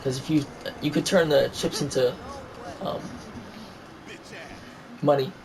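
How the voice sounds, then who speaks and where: A man's voice: medium pitch, unhurried, gravelly, crowd noise, low-quality recording. A man with a New York accent chatting casually while he plays, rambling with lots of restarts and asides. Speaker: gamer chatting while playing. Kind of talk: casual chat. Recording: steady background noise.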